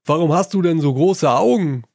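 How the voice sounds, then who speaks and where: A man's voice: on the high side, normal speed, gravelly, darkish tone, dry recording, clean studio sound, pitched above the performer's own voice. A man voicing a curious little girl in a red cap, asking naive questions. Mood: wondering.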